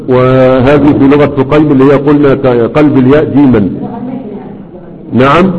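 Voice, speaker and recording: A man's voice: on the high side, big-room sound, phone-quality sound. A man teaching a class, explaining and checking in with his students again and again. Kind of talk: classroom lecture.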